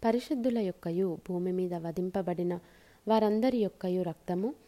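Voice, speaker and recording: A woman reading scripture aloud in measured, solemn phrases with short pauses. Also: lowish voice, mellow. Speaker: scripture reader.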